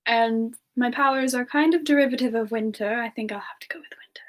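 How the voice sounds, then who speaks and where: A streamer answers viewer questions in character as a gentle, polite, amnesiac demon woman with frost powers, reborn from long ago. In this soft, improvised semi-ASMR Q&A, she sounds gentle and apologetic, speaking hesitantly and softly and slipping into whispers. Her lightly acted voice is fairly high and brisk.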